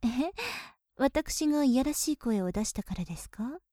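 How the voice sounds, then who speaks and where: Whispered role-play: young woman voicing a polite, teasing maid, slightly high, warm tone, dry close mic. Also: expressive, normal speed, no echo. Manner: polite, softly teasing, with breathy giggles.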